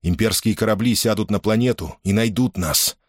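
A man voicing a determined adult male hero who speaks in a low, earnest, urgent way. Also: moderate pace, close to an everyday voice. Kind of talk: audiobook character voice.

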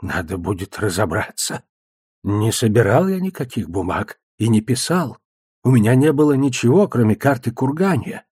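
A man's voice: mid-range voice, big pitch swings, moderate pace, a little mellow, slightly rough, no room sound, studio quality. Man reading a musing old wizard. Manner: wandering, thoughtful. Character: older male wizard, musing and wry.

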